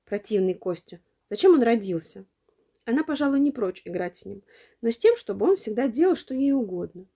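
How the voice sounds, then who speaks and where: Female storyteller for kids, animated and mellow. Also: fairly high pitch, a little fast, slightly rough. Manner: expressive. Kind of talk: storybook narration.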